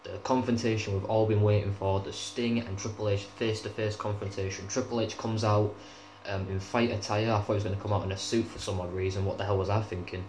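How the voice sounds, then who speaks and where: A man's voice: fairly low pitch, little pitch movement, fast talker, a little mellow, faint music behind. A young man giving an opinionated, casual review of a wrestling show, swearing freely as he talks. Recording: echoey room with faint hum.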